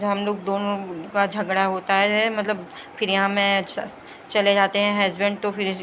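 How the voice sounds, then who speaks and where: A woman's voice: medium pitch, a bit bright, slight background noise. A young woman narrating her home vlog in a casual, chatty running commentary on her family's daily routine. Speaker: vlogger.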